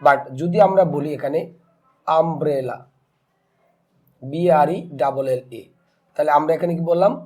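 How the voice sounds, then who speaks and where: A man with a fairly high but mellow voice teaches a grammar lesson. He keeps asking questions and answering them himself, and he stretches out example words slowly. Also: faint music behind. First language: Bengali. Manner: slow deliberate spelling and pronouncing of words. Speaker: English teacher.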